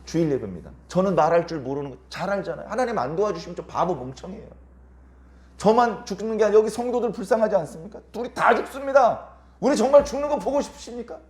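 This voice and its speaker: A man's voice: high-pitched, expressive, quick pace. A male pastor preaching a Sunday sermon in a church, asking the congregation rhetorical questions and acting out quoted lines. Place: church sanctuary. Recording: echoey church room.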